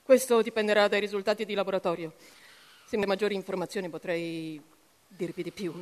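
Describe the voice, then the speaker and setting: A woman's voice: medium pitch, steady tone, brisk, lightly acted. A curt, businesslike agency officer, read by a woman, hunting a mutant in a storybook reading. The voice rings out with a long hall reverb behind it. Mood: brusque.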